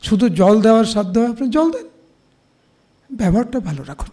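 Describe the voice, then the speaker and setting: High-voiced Bengali man preaching. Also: sing-song, warm tone. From India. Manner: explains with everyday examples, quotes verses in a slow chant-like way. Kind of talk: devotional scripture class.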